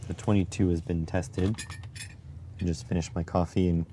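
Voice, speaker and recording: Raspy guy mumbling thru a stream while he tinkers, kinda dark mellow voice. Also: sits low, little pitch movement, moderate pace, a little hiss or hum. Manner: muttering to himself while working, reading chat aloud. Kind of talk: casual live-stream electronics tinkering.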